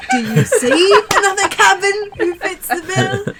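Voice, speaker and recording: Give me a woman playing a self-assured eccentric gentleman detective who speaks slowly and theatrically. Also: mid-range voice, close to an everyday voice. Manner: grandiose, theatrical, old-fashioned phrasing.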